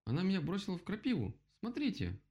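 A man voicing a loud, boastful, easily frightened male rabbit in a children's storybook, shrill and excitable. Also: moderate pace, dull audio. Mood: boastful shouting.

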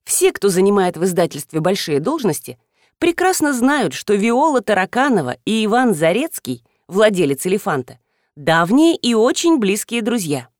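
A woman narrating a first-person novel in a wry, lively way. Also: medium pitch, normal speed, no room sound, studio quality. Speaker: audiobook narrator.

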